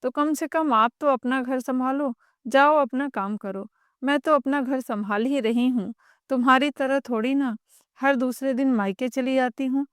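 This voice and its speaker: A woman's voice: sits high, steady tone, unhurried, smooth, no echo, clean studio sound. A woman voicing a lazy, scheming young sister-in-law who talks in a mocking, shameless way. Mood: taunting.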